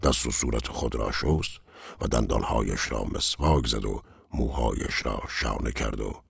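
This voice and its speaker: An audiobook narrator with a very deep, gravelly male voice reads scripted narration from a novel. The recording is dry and cleanly studio-recorded.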